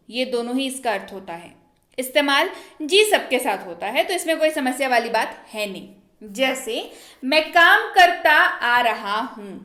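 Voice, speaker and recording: A woman teaching an English grammar lesson, who asks quick check questions and repeats each example slowly. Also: high voice, bright, forceful tone, reverberant.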